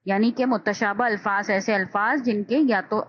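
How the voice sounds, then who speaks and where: A woman at a middle pitch walks through a grammar lesson, patient and explanatory, pausing to check that listeners follow. She slips English words into her explanations. The recording sounds dull and lo-fi. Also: fairly even intonation, slight background noise. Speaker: teacher.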